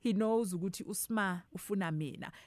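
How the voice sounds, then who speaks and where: A South African woman hosts a dating segment in a radio studio, teasing and mixing English with Zulu during casual radio chat. Her voice is medium-pitched and brisk, with no room sound.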